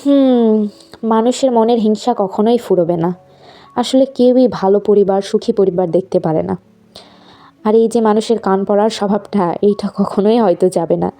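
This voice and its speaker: A woman voicing a pious young wife who sighs and reflects softly in a doll puppet show. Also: mid-range voice, moderate pace, faint music behind, natural voice. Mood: rueful. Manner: reflective, sighing, soft.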